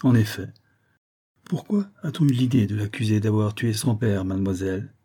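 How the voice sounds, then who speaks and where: Male reader as a shrewd storybook detective, calm, measured, kindly, dark tone. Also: fairly low pitch, slightly rough.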